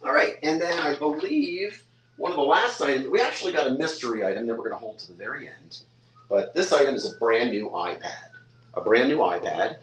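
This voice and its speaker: A man's voice: medium pitch, lively intonation, fairly quick, slight background noise. An older man running a live-stream auction, describing each item in a chatty salesman patter and calling out bids. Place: hotel room or lounge, indoors. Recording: echoey room.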